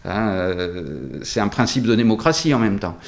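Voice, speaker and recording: A man's voice: on the low side, lively intonation, normal speed. Man explaining hesitantly through a face mask. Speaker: doctor at a local practice being interviewed. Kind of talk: interview answers, explanatory.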